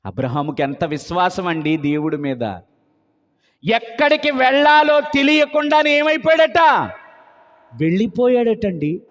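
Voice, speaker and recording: A man's voice: very high-pitched, sing-song, a little slow. A male preacher telling a Bible story as a sermon, often posing questions and answering them himself. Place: church meeting. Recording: muffled sound with long hall reverb.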